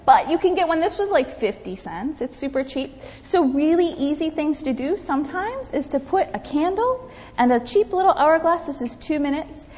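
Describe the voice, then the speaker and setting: This is a children's message from a woman pastor whose voice sits high and moves at normal speed. Speaking in a church sanctuary, she animatedly questions the children and frequently lowers her voice to a whisper, captured in a dull recording with plenty of church echo.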